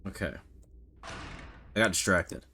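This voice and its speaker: Speaking slowly in a low-pitched voice, this male gaming YouTuber rambles casually through a let's-play, poking fun at himself. He gets excitable and yelps or shouts when startled, and there's slight background noise.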